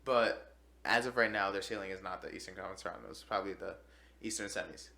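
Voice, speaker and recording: A bright, forward-sounding young man talks fast in an echoey room. He chats in loose slang, like he is hanging out with friends on a podcast. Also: sits low, gravelly. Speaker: podcast co-host. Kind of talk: casual slangy chat among friends.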